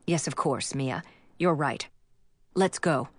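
A woman's voice: deep voice, animated, slow pace, no room sound, voice pushed down, exaggerated voice. A woman voicing a stern middle-aged father who speaks in an icy, clipped way. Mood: cold stern.

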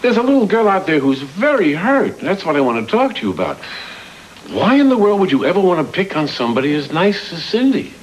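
An actor playing a well-meaning, awkward pediatrician in a sitcom, halting and earnest as he pleads. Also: high voice, sing-song, a little hiss or hum, rough recording. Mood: exasperated, pleading.

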